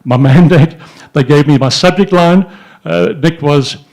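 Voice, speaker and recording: Slightly high and unhurried, this older man's voice is gravelly and a little mellow. Holding a microphone in one hand and gesturing with the other, the entrepreneur rambles through stories for a society event audience in an indoor room before a banner, with many restarts and fillers.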